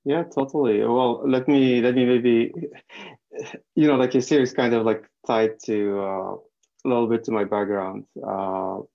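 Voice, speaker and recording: A man's voice: medium pitch, steady tone, measured pace, vocal fry, dark tone. A man from Algeria, a founder, speaking on a panel over a video call in a hesitant way with many fillers. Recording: dull, lo-fi video call audio.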